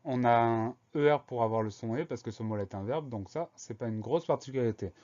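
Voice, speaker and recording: A man's voice: medium pitch, a little mellow, muffled recording. A man teaching a spelling lesson, carefully spelling out words letter by letter. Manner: slow, deliberate spelling out of letters.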